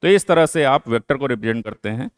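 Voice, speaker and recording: A man's voice: medium pitch, expressive, fast talker, smooth, no echo, studio quality. A man teaching a physics lesson, explaining step by step and answering his own questions. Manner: mixes English terms into Hindi. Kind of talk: classroom lecture.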